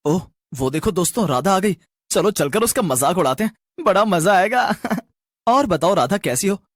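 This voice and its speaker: A man voicing a mocking rich child who teases a poor girl, sneering and taunting, in an animated story. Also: high voice, moderate pace, no echo, clean studio sound.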